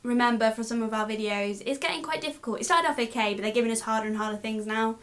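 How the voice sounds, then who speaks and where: A woman's voice: a little high, quick pace, fairly bright tone. A young woman in casual chat as a book vlogger, giggly and saying "like" a lot. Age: young adult. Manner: chatty, giggly, says "like" a lot.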